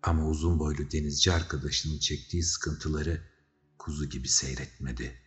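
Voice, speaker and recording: Deep-voiced male narrator, dramatic audiobook read, slightly muffled sound. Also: steady tone, normal speed. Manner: dramatic storytelling, shouting characters' cries. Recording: slightly dull recording with faint music.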